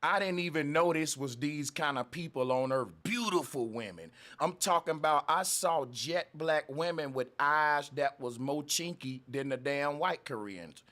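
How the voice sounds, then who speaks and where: Male panel host, pitched a bit high, pushy and emphatic, interrupts constantly. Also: unhurried, hardly any pauses, a bit bright. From United States. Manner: interrupts, emphatic, repeats phrases. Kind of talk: heated casual debate.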